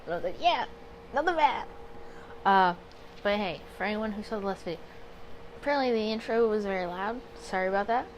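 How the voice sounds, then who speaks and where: Her mid-range voice is lively and brisk, broken by frequent pauses, as she hosts a casual let's play for her gaming channel. Reading the visual novel's text aloud, she rambles chattily, cuts herself off to correct things, and apologizes, over home-recording background noise.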